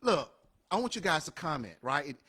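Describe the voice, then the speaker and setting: Animated, highly expressive man. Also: fairly quick. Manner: animated, emphatic storytelling. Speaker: co-host of a live show and podcast. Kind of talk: motivational casual talk.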